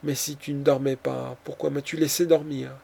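Panicking count, read by a man, frantic, anguished, gravelly, audiobook reading. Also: medium pitch, flat delivery, moderate pace, warm tone. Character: terrified panicking nobleman, a count.

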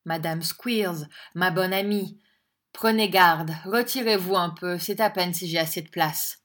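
A woman reading a storybook and voicing a cruel, sneering middle-aged male schoolmaster in a loud, mocking, menacing tone. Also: fairly low pitch, a little slow.

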